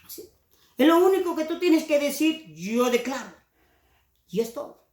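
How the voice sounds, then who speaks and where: A woman's voice: sits high, expressive, moderate pace, darkish tone, echoey room. A woman preaching a sermon with passion, now and then mimicking other preachers mockingly.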